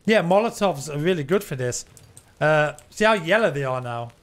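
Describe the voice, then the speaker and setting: A man's voice: on the high side, expressive, normal speed. A man giving casual, chatty live gameplay commentary with some teasing. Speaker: game streamer.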